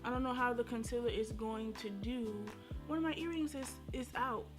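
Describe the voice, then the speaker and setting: High-pitched young woman with slight retainer lisp. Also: normal speed. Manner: sassy, playful, slangy. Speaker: beauty vlogger. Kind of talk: casual chatty first-impression makeup review. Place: indoors at home. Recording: music playing behind the voice.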